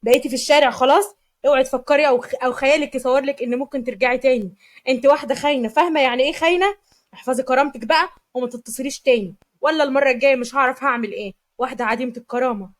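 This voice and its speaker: Woman doing a proud egyptian businessman, fast and emphatic, story reading. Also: fairly high pitch, no echo, lightly acted. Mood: furious. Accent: Egyptian Arabic. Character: young male businessman husband, proud and quick-tempered.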